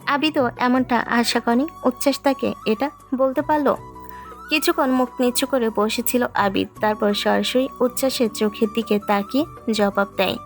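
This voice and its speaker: A woman with a fairly high voice narrates a romantic audio story in scripted storytelling style. Her tone is steady and her speed normal, with music playing softly behind her.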